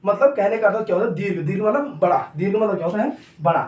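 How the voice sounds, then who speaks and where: A man's voice: high-pitched, expressive, rapid-fire. A male coaching teacher giving a classroom grammar lesson, repeatedly asking a question and then answering it himself, and noting that he talks hurriedly. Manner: repetitive call-and-answer questioning. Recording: roomy echo, mic at a distance.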